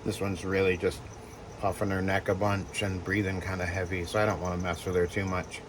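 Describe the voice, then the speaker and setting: A man who breeds reptiles talks casually in a vlog while handling geckos, with lots of fillers and soft reassurances to the animals. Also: sits low, level tone, a little fast, noisy background. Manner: rambling, filler-heavy, coos softly to the geckos.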